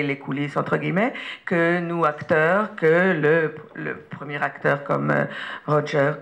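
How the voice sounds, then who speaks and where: A woman giving a relaxed interview as an actress, telling anecdotes in a chatty way with frequent laughs and hesitations. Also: low-pitched, vocal fry.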